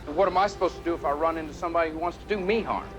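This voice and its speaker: A man's voice: fairly high pitch, rapid-fire, over music, lightly acted, rough recording. An actor playing a cocky, sardonic police detective in a TV drama, with wry, clipped tough-guy talk. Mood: wary, challenging. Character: cocky, sardonic male police detective undercover as con man. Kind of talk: naturalistic TV drama acting.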